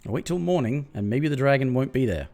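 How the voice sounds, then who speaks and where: Gravelly man ranting at a game. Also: medium pitch, expressive, fast, mellow, faint music behind. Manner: frustrated, swearing, ranting at the game. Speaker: streamer. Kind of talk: casual gameplay commentary.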